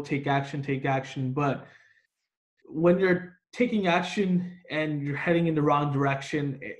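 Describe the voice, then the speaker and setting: A man hosts an interview, asking reflective questions and filling pauses with "um" and "like." His voice is a little high for a man. The recording has a roomy echo around him. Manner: reflective, uses fillers like um and like. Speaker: host. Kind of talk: podcast interview.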